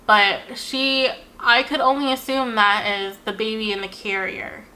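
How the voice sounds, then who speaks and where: Bright-voiced young woman telling a story. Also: a little high, a little slow, slight background noise. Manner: animated, swears often, many fillers. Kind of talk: casual storytelling vlog.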